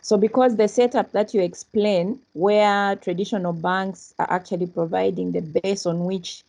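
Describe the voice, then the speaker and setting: A woman from Zambia, an audience member, politely asking a long, measured question in a seminar over a video call. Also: medium pitch, fairly even intonation, creaky, darkish tone, rough recording. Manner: polite, measured, elaborating at length.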